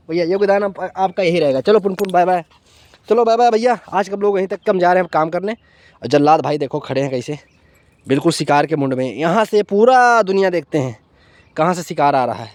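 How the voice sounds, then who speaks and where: Man, playful vlogger, high voice, dogs barking nearby. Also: no echo. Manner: playful, affectionate toward his dogs, coaxing and teasing. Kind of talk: casual vlog talk. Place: outdoors in the desert with dogs.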